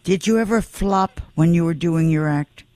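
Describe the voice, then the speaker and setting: A woman's voice: lowish voice, moderate pace, darkish tone, no echo. A woman hosts a casual radio interview. She speaks bluntly in short, direct questions and remarks, recorded dry and close. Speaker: radio show host, interviewer.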